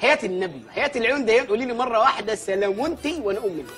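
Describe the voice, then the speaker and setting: A loud, excitable village mayor with an Egyptian Arabic accent, grumbling and ranting in a very high, bright voice. He fires his words off at great speed in a film comedy, with faint music underneath. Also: racing. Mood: grumbling bluster. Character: blustering, superstitious male village mayor.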